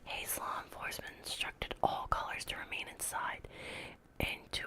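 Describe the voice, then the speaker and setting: Hushed and creeping, a woman's whispered ASMR reading of a horror story unfolds with the measured cadence of an official report.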